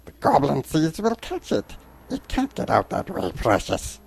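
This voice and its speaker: A man voicing Gollum's kind of wretched, paranoid cave creature in a dramatic storybook reading, hissing, creaky and muttering to himself in broken grammar. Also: a little high, huge pitch swings, measured pace, pitched above the performer's own voice, heavily acted. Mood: scheming, muttering.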